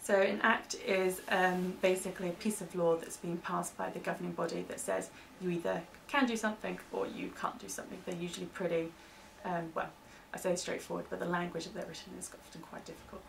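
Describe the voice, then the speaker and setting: Speaking fairly quickly in a level, lowish, gravelly tone, this British woman is the interviewee in a training session, explaining legal terms loosely and informally with hedges like "kind of." It was recorded on a distant mic with faint noise in the background.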